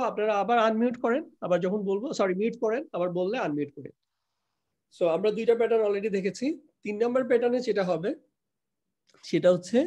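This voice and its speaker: A man with a somewhat higher-than-usual voice leads a live online grammar class. He works through each example patiently, step by step, and slips English terms into his explanations. He checks what his students understand by asking questions and repeating their answers. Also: a little mellow. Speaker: Quranic Arabic grammar teacher.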